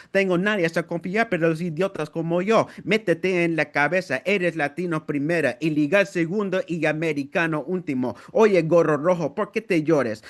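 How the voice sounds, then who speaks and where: A man with a high voice recites his spoken word poetry over a video call from home. His delivery is confrontational and defiant. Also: fairly bright tone. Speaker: open mic poet.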